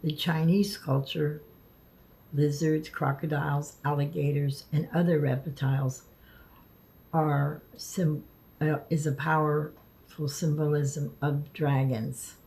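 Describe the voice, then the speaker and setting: A woman vlogging casually, speaking haltingly and stumbling over words, with the lisping, slurred sound of missing front teeth. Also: low-pitched, little pitch movement, creaky, dark tone, rough recording. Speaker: video creator. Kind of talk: casual spoken vlog, partly reading aloud.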